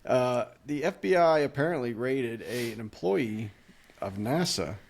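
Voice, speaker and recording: A man's voice: mid-range voice, animated, a little slow, gravelly, a little hiss or hum. A man co-hosting a talk show, giving casual comedic commentary in a crude, profanity-laced way. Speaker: show co-host.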